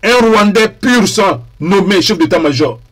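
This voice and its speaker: A man speaking in a deliberate, emphatic way and repeating key phrases for weight, as a TV political commentator. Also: sits high, animated, a bit bright. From DR Congo.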